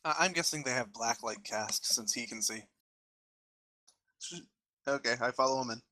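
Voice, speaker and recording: A man's voice: medium pitch, normal speed, bright, forceful tone, no room sound. A man talking casually as a player at a tabletop game, with a wry manner.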